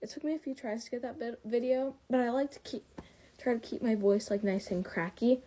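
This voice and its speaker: Dark husky woman, talking through a mask. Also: on the high side, brisk. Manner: apologetic, casual, self-deprecating. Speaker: tutorial maker. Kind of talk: casual spoken tutorial. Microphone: speaking through a mask.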